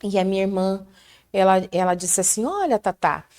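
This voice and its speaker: A middle-aged woman with a Brazilian Portuguese accent giving an animated, fervent faith testimony in casual chat. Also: mid-range voice, moderate pace. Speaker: prayer group guest.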